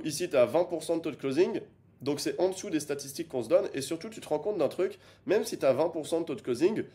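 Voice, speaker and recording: A young man giving an energetic online business lesson as a coach, emphatic and repeating points for stress. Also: medium pitch.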